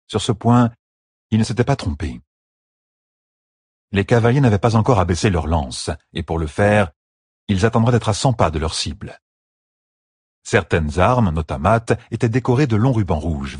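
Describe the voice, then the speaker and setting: A man narrating a fantasy battle audiobook with steady, dramatic storytelling. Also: low voice, slightly rough, no room sound, clean studio sound.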